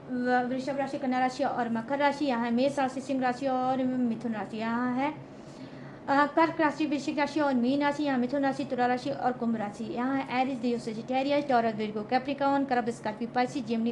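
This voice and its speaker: A woman's voice: high voice, fairly even intonation, a little fast, noisy background. A young woman giving a casual tarot reading to her viewers, chatty and emphatic, checking in with them often. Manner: chatty, repeats "ठीक है?" and "guys" often; emphatic, confident predictions. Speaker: tarot reader.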